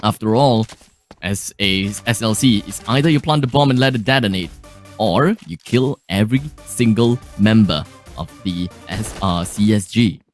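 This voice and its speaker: A man's voice: lowish voice, moderate pace, soft background music. A man casting an esports match live, dramatic and fond of repeating phrases for emphasis. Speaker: esports caster. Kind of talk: live esports play-by-play commentary.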